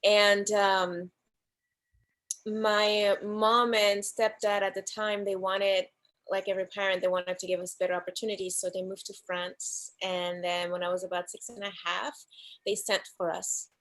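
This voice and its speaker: A woman guest from the Dominican Republic, chatting casually about her life in an interview over a video call, animated and often laughing. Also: mid-range voice, measured pace, low-quality recording. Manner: animated storyteller, laughs often, acts out voices. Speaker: guest actress.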